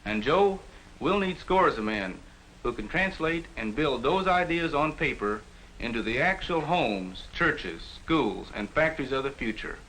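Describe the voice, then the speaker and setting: An actor playing an earnest shop teacher in a formal, measured 1950s educational film narrator manner. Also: male voice, mid-range voice, expressive, fairly bright tone, a little hiss or hum, low-quality recording. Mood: earnest, instructive. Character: earnest adult male shop teacher advising a student.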